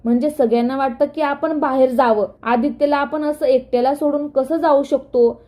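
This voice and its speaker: A woman's voice: high voice, fairly even intonation, moderate pace, dark tone, close to an everyday voice. A woman reading the lines of a caring, hesitant young wife, worried and considerate. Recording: dull lo-fi recording.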